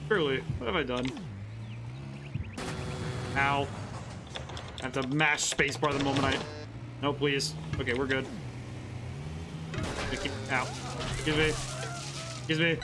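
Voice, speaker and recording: A man giving excited, bemused, exclamatory commentary while playing a video game. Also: medium pitch, measured pace, pauses often, background noise. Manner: exclamatory, reacts aloud with ows and laughs. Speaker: game streamer, game designer. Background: game music.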